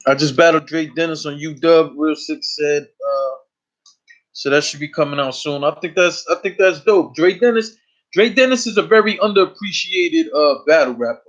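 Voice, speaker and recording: A man's voice: on the high side, normal speed, fairly bright tone. Profane, repetitive man hosting a lo-fi stream. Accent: New York. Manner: loose, profane, repeats words. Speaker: host. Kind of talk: casual live-stream chat. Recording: dull lo-fi stream audio.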